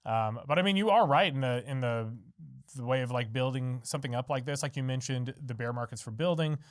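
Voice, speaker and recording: A man's voice: medium pitch, a little fast, no room sound, studio quality. Easygoing male podcast host. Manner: rambling, frequent "mm-hmm" backchannel. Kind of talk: casual interview chat.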